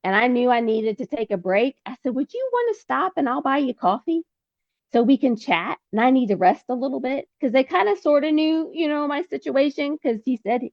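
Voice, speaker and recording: A woman guest telling her story in a casual, animated way, acting out conversations with laughter. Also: sits high, fairly quick, no room sound, muffled recording. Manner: animated, acts out dialogue with laughs. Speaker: podcast guest, pilgrim.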